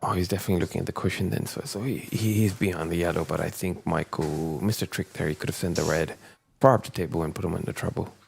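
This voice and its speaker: A man's voice: low voice, steady tone, fast, creaky, hardly any pauses, slight background noise. A man giving casual, hesitant snooker commentary with many fillers, also chatting about running events. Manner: hesitant, filler-heavy, soft-spoken. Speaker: guest commentator.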